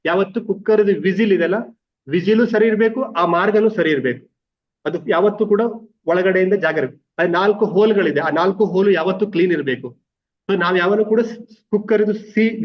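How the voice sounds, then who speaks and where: A middle-aged man with a Kannada accent, a wellness coach talking to a group, repeating himself and restarting words. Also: on the high side. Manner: repetitive, restarts words, mixes English terms. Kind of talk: live group coaching talk. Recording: dull lo-fi audio.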